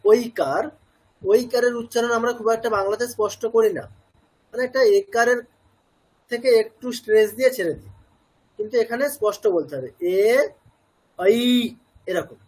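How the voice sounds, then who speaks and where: Husky high-voiced Bengali man teaching. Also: rough recording. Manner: explains slowly, asks the class questions, mixes in English words. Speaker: Sanskrit chanting teacher. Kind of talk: classroom lecture.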